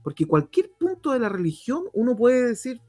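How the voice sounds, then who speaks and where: A man's voice: extremely high pitch, big pitch swings, normal speed, a little mellow, no echo, studio quality. Inquisitive Chilean man asking questions. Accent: Chilean Spanish. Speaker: radio program host. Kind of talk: conversational talk, asking questions.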